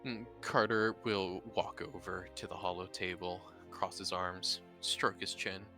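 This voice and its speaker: A man improvising third-person narration as a tabletop role-play player, halting as he searches for words. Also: deep voice, fairly even intonation, bright, forceful tone, soft background music.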